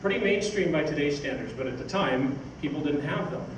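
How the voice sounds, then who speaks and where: An older man, a magazine editor, delivers an informal live talk from notes on an indoor theatre stage, expressive, fairly quick and a little rambling. His voice leans higher. Recorded from far off by a camera picking up the stand-mounted stage mic, it's very echoey and roomy, with clear background noise.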